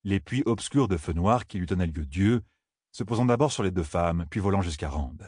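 A man reading a fantasy audiobook in a steady, grave, measured way. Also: deep voice, breathy edge, no echo, clean studio sound. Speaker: audiobook narrator. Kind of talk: scripted fantasy narration.

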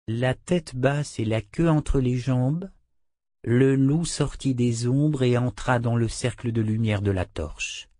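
A man narrating a fantasy novel as an audiobook, in measured storytelling. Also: mid-range voice, warm tone, no echo, studio quality. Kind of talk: scripted narration.

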